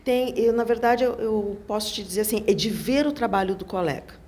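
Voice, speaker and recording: A middle-aged woman with a southern Brazilian accent, a speech therapist speaking as an interview guest, emphatic and animated, acting out the phrases she quotes. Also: mid-range voice, a little fast. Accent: southern Brazilian Portuguese.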